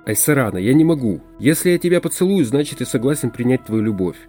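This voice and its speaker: Audiobook: reader plays a curt modern man, sarcastic, quick to anger. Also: medium pitch, big pitch swings, darkish tone, faint music behind, pitched above the performer's own voice, lightly acted. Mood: weary. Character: irritable modern male journalist.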